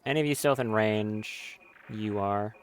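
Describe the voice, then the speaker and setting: A man's voice: fairly low pitch, normal speed, a little hiss or hum. A man giving casual live commentary on his gameplay stream, swearing often and talking nervously as he goes.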